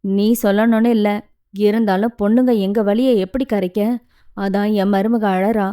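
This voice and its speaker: A blunt old grandmother speaks up protectively for her family, as a woman narrator voices her. The voice is mellow and dark. She talks in a plain, direct way. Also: mid-range voice, fairly even intonation, moderate pace, clean tone, close to an everyday voice.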